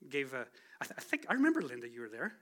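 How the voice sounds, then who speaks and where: This guest speaker, a man in his forties, races through a casual, chatty testimony from the pulpit of a church sanctuary, sprinkling in self-deprecating jokes. His voice is medium in pitch with a fairly bright tone and huge pitch swings.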